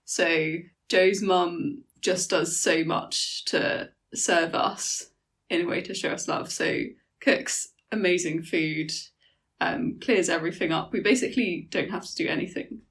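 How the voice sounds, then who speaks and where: A woman from England, a podcast guest, speaking in a reflective, even way. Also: lowish voice, a little slow. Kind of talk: casual chat.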